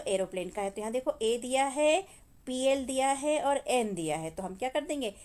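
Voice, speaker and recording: Woman with a hindi accent walking kids thru a workbook, fairly high voice, reads english slow then explains. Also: darkish tone. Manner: addresses children often, reads English slowly then translates. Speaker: teacher. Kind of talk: workbook lesson for children.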